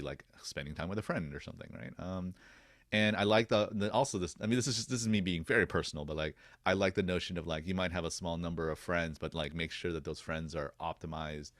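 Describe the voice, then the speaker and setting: Brief: deep-voiced male podcast host, earnest and reflective, dry close sound. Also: no room sound. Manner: earnest, reflective, many fillers. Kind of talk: casual interview chat.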